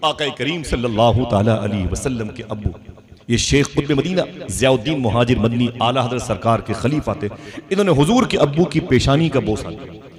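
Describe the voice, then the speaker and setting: A man's voice: mid-range voice, animated, brisk. A man, preaching a sermon at a public religious gathering, emphatic and asking the audience rhetorical questions. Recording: live crowd in background.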